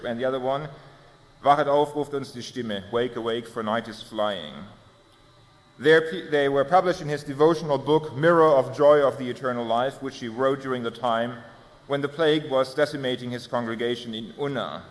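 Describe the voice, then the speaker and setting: A man presenting a theology paper, reading it aloud in a formal, measured way with small self-corrections. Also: medium pitch. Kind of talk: reading a prepared academic paper. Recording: long hall reverb.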